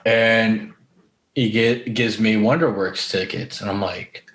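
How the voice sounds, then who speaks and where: A man with a lowish, slightly bright voice speaks slowly with fairly even intonation, hosting a casual podcast chat. He tells personal stories and swears casually along the way. The room sound is echoey and spacious.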